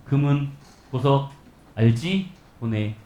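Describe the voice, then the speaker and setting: A man's voice: medium pitch, lively intonation, takes it slowly, mellow, echoey room, pitched below the performer's own voice. A male pastor voicing an arrogant, taunting Assyrian king who speaks down to his rival in a mocking, casual tone. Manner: mocking, condescending, casual speech.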